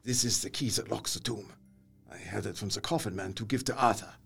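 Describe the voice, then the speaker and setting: A man playing a grave, earnest older professor and vampire hunter in an audio drama, with creaky voice, quaint foreign phrasing and dramatic delivery. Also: fairly low pitch, fairly quick, a bit bright, faint music behind, exaggerated voice. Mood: grave resolve.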